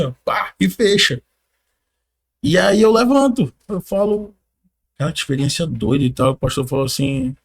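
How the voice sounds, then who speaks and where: A young Brazilian man with a high voice appears as a podcast guest, animatedly sharing a personal testimony. He laughs often and keeps calling the listener "cara".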